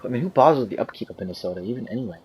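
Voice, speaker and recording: A man's voice: mid-range voice, expressive, very fast, darkish tone, slightly rough, low-quality recording. A man hosting a let's-play video, talking casually over the game in a rambling way, correcting himself and adding dry asides. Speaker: gaming video host. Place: indoor room near a window on a windy day.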